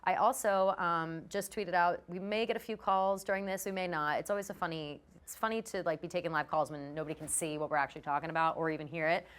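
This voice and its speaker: A woman's voice: on the low side, steady tone, a bit bright, smooth. Chatty swearing woman hosting a show. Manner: chatty, profane, quick asides. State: out of breath. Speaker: talk show host. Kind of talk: casual chat.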